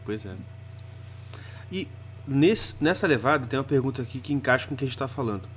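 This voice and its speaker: A man's voice: mid-range voice, brisk, a little hiss or hum. A man hosting a podcast, chatting casually and acting out little scenes as he tells stories. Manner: animated, acts out little scenes when telling stories. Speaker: podcast host. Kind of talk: casual chat.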